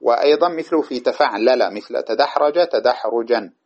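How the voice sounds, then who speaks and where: Male teacher, mid-pitched, patient and methodical, reciting verses and drilling examples; dull lo-fi take. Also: darkish tone. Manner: recites verse lines and repeats examples slowly. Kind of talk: classical grammar lesson. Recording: dull lo-fi recording.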